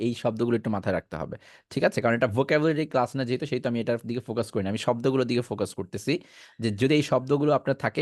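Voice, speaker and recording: A man leads an English pronunciation lesson. He repeats words slowly and keeps asking whether learners follow. His voice swings widely in pitch, and the sound is dry and close. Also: no echo. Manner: repeats words slowly and drills them, checks understanding often.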